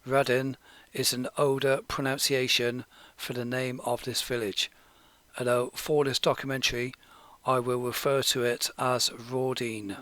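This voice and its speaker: A man from Gloucestershire, England, giving scripted documentary narration in a steady, measured, informative way. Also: medium pitch, no room sound.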